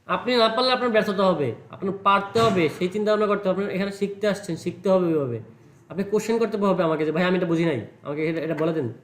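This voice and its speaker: A man teaching a computer class, patient and reassuring, repeating words slowly for a student. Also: high voice, roomy sound.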